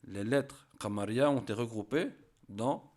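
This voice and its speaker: Slow, careful male language teacher. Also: fairly low pitch, a little mellow. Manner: careful, repeats each word to model pronunciation. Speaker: Arabic teacher. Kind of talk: slow spoken lesson.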